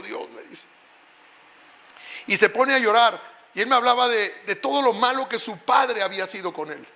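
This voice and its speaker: High, bright-voiced male pastor preaching. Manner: emotional storytelling sermon, rises to shouts. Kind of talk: sermon.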